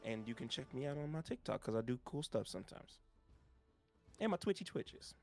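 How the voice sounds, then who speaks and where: A man's voice: medium pitch, big pitch swings, a little fast, vocal fry, faint music behind. A man who played in the game, plugging his podcast in a hesitant, self-deprecating way. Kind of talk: casual self-promotion.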